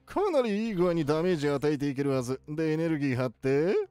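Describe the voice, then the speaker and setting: A man voicing an excitable elderly cartoon professor, giving playful video game commentary with drawn-out words. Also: on the high side, clean tone, dry recording, faint music behind, natural voice. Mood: cheerful, explaining. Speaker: gaming video host.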